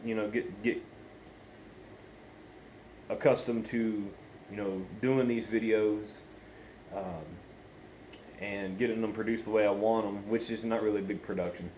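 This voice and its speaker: Low-voiced man, halting casual chat, noisy recording. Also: fairly even intonation, a little mellow. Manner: hesitant, meandering, halting delivery. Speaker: pipe-smoking video channel host. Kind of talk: casual unscripted chat to viewers. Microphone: phone. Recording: clearly noisy amateur phone recording.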